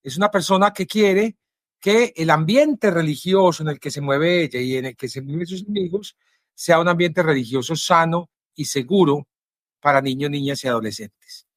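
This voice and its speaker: A male journalist with a Colombian Spanish accent, introducing his guest and asking questions in a measured, earnest way with frequent pauses. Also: fairly high pitch, no room sound, clean studio sound. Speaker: journalist and interviewer.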